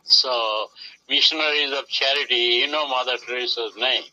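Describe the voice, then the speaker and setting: A man being interviewed, telling his story in a halting way with many fillers and pauses. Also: mid-range voice, pushed and bright, lo-fi sound. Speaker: interview guest. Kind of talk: casual phone interview.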